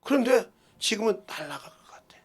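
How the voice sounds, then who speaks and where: Male pastor, middle-aged, husky and rough, lively sermon storyteller. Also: high-pitched, fairly quick. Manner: swings from hushed murmurs to loud cries, acting out relatives' words. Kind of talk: sermon with told stories.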